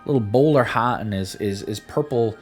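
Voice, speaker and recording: A man with a husky, fairly low voice gives a casual, opinionated game review at a moderate pace. He talks conversationally and repeats words for emphasis, with music playing under his voice.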